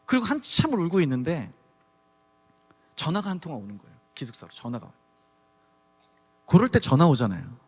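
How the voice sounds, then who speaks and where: A man from Daegu giving a testimony sermon at a church service, telling his story in an animated way and acting out the scenes. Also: a little high, a little fast, long pauses, husky. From Daegu, South Korea. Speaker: guest preacher. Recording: long church hall reverb.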